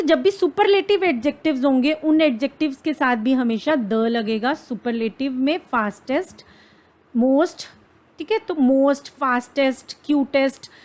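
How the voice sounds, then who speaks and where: A woman with an Indian accent teaching an exam-prep grammar lesson. She asks questions and answers them herself, mixing English phrases into her explanations and reading English examples deliberately. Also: high-pitched, a little mellow.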